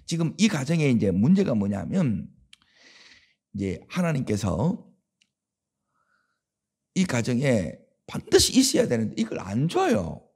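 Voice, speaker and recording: A man's voice: mid-range voice, wildly swooping pitch, a little slow, long pauses, a little mellow, slightly rough. A man preaching a dawn sermon as pastor, with a Gyeongsang Korean accent, talking conversationally and asking the congregation rhetorical questions.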